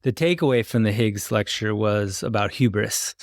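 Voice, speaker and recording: Gravelly man with a dry intro. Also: fairly low pitch, normal speed, no room sound. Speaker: podcast host. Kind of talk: scripted narration.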